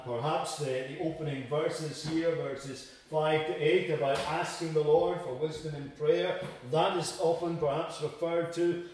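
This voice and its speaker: Man, preacher, Bible study sermon, measured explaining, slightly higher voice, distant mic. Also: a little mellow. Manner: measured, explanatory, with frequent hesitations. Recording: very echoey room, from far off.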